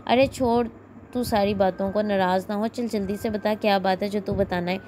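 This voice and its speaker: A woman voicing a calm young man who speaks quietly and coaxes the others in a gentle manner. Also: mid-range voice, moderate pace, slight background noise, natural voice. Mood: coaxing. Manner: gentle, coaxing.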